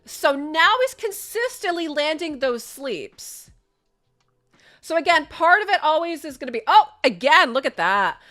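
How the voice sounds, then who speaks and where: High-pitched, bright and forceful, this young gaming creator takes her time while her pitch swings a lot. She commentates casually for viewers in a chatty, upbeat way, sniffly from a sinus infection, using a desk mic indoors.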